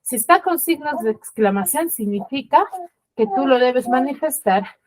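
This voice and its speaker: A woman's voice: high-pitched, expressive, no room sound. Patient woman teacher checking in constantly. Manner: explains patiently, tags sentences with quick checking questions; reads example sentences with acted feeling. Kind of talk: online class lesson. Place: online class from home.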